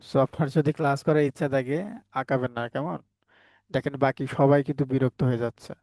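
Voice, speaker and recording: A man's voice: mid-range voice, fairly even intonation, quick pace, a little mellow, no echo. A man teaching an online class, drilling his students with repeated questions and answers. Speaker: English teacher. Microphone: headset.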